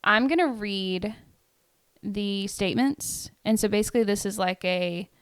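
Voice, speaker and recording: A woman's voice: medium pitch, unhurried, smooth, dry recording. A woman co-hosting a casual faith-based podcast, reading book passages aloud and leading the discussion with frequent laughter. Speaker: podcast co-host.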